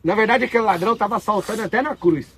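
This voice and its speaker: Brazilian guy doing a spiritual talk, high voice, rattles off quick slangy stories. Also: noisy background. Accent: Brazilian Portuguese. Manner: animated, slangy storytelling. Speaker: spiritual speaker. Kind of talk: casual spiritual talk to an audience.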